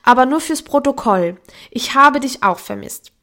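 A woman's voice: sits high, expressive, moderate pace, fairly bright tone. A woman reading the lines of a young woman who teases her best friend on the phone in an audiobook. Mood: teasing. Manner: dry, teasing.

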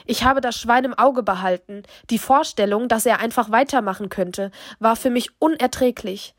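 A woman voicing a distraught mother who confesses through tears, halting and stammering. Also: fairly high pitch, dry recording, clean studio sound, close to an everyday voice. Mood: bitter, angry.

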